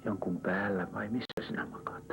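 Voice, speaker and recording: Calm low-voiced male hypnotist. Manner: calm, coaxing questions, sometimes hushed. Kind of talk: guiding a hypnosis session. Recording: session audio with clear background noise.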